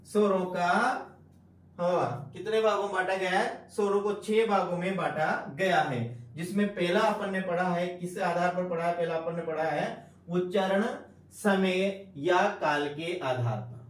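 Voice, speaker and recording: A man's voice: high voice, fairly even intonation, far from the mic. A man teaching Hindi grammar in an online exam-prep lecture, repeating key terms and asking the class questions. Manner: addresses listeners as friends, slow deliberate emphasis. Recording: echoey room, voice off-mic.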